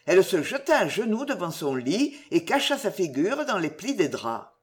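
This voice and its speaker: A woman narrating a classic novel with a lively, expressive pitch. Her reading is measured and unhurried.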